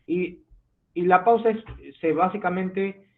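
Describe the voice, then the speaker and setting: A male literature teacher giving an online class, explaining step by step and checking understanding with quick questions. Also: high voice, steady tone. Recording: tinny phone-like audio from an online call.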